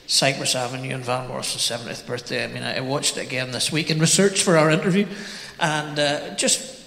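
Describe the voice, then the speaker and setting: A man's voice: mid-range voice, fairly even intonation, a little fast, a bit bright. A man hosting a live on-stage interview, asking enthusiastic, rambling questions. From Northern Ireland. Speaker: podcast host, interviewer. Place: large hall before a live audience. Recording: echoey hall with long reverb.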